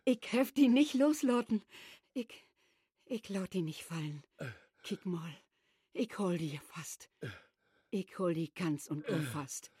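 An elderly northern wife with a Low German-tinged accent, worn out from caring for her husband. Her voice is husky and dry, recorded close with no room around it. She is blunt, sometimes scolding, sometimes soft. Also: animated, a little slow, no echo. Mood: soothing. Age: older. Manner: blunt, scolding and tender by turns.

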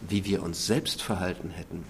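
A man gives expert commentary in an interview, deliberate and emphatic. His voice is deep with a gravelly creak, over faint room noise. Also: fairly even intonation. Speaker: expert interviewee, memorial director.

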